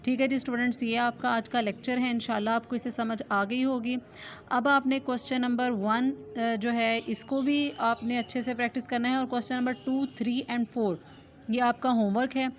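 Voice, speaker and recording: A woman with a fairly high voice works through a maths problem for her students. She explains each step in turn, often asking a question and then answering it herself. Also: steady tone, normal speed. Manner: step-by-step explaining with check questions and "theek hai ji". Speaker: maths teacher. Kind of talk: recorded online class lecture.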